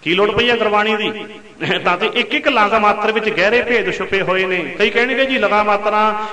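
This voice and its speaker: High, bright preacher in an echoing hall. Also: male voice. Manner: chants scripture lines slowly, then explains in quick rhetorical questions. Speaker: Sikh preacher. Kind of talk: katha sermon. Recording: echoey hall with long reverb.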